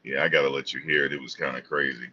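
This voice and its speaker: A man with a very deep voice and a bright edge on top talks through a casual commentary chat. He picks his way along with fillers and restarts. He sits well back from the mic, and the sound is dull and muffled. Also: fairly even intonation, very fast, distant mic, slight background noise. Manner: loose, hesitant, with many fillers and restarts. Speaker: co-host.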